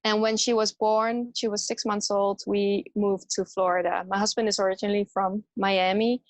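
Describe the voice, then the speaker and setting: A woman's voice: medium pitch, level tone, normal speed, no echo. A woman from the Netherlands, a yoga teacher, chatting casually as an interview guest and laughing often.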